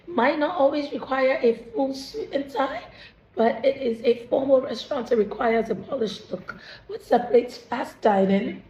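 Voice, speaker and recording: A woman chef with a hoarse, lost voice, casually explaining restaurant types while at work in her restaurant. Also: high-pitched, animated, darkish tone, echoey room, a little hiss or hum, poor audio. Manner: candid, listing examples quickly. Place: restaurant during dinner service.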